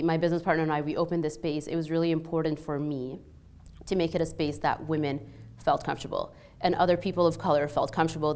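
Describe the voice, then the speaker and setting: This panelist, a restaurant owner and peace scholar, speaks in a low voice with a light Egyptian Arabic accent that otherwise sounds largely Canadian. She shares personal stories casually and with animation, sprinkling in plenty of "like" and "you know" and performing the conversations she recounts.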